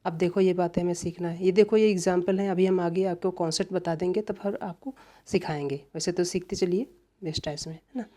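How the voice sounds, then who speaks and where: A male teacher giving an online grammar class lecture, often repeating reminders as his voice drops softly at the end of phrases. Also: sits high, steady tone, fairly quick.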